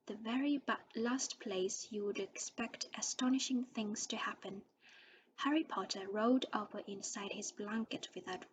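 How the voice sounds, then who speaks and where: A woman reading a storybook aloud, her voice soft and often dropping to a whisper. She stumbles now and then and restarts a word. A faint hiss runs under the recording. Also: on the high side, low-quality recording.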